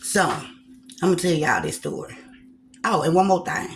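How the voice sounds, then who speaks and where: A woman's voice: fairly low pitch, big pitch swings, moderate pace, a little hiss or hum. A woman vlogger chatting casually while she eats on camera, repeating phrases and slipping in preachy, folksy asides.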